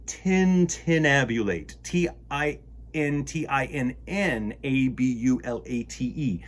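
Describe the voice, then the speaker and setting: Reading aloud expressively, a man with a medium-pitched voice talks warmly to young children at a storytime he leads. He goes at a slow pace, sounding enthusiastic and encouraging.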